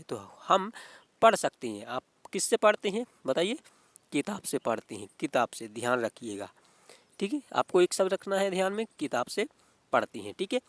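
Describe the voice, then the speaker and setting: A high-pitched man, recorded with no echo, teaches exam reasoning questions. He repeats himself and checks in constantly, asking "what is it" and saying "okay."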